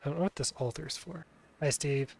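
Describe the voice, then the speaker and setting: A man's voice: on the high side, a little fast, a little mellow. A man doing casual, playful game-stream commentary with mock-dramatic role-play, on a slightly noisy mic with clicks.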